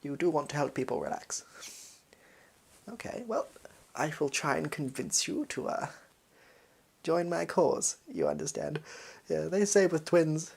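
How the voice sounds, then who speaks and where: A performer of unclear sex voicing a pompous, shady villain in an improvised role-play, with a put-on posh English accent and an over-precise, halting, evasive manner. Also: mid-range voice, big pitch swings, gravelly, darkish tone, slightly rough, exaggerated voice. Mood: scheming, persuasive, then shifty.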